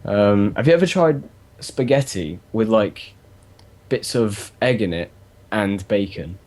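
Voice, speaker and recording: A man's voice: lowish voice, lively intonation, unhurried, a little mellow. A man co-hosting a casual podcast, easygoing and hesitant with many um's. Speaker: podcast co-host.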